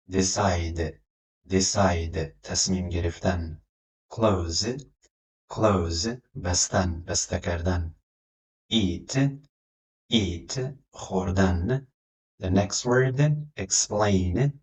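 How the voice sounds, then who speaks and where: A man teaching English vocabulary, saying each word twice and then giving its meaning. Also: low voice. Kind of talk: vocabulary lesson, slow repetition.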